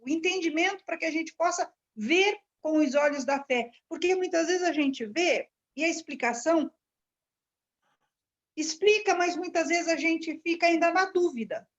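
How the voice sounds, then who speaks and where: A woman giving a halting, searching commentary on a Bible passage in a study class. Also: extremely high pitch. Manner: searching, halting delivery with restarts. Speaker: class participant. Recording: dull lo-fi sound.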